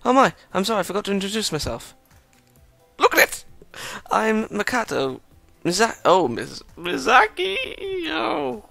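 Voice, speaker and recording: A man voicing a shy, polite young Japanese woman as he reads game dialogue aloud, halting and apologetic. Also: sits high, very animated, vocal fry, pushed and bright, dry recording, faint music behind, pitched above the performer's own voice, exaggerated voice. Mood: flustered.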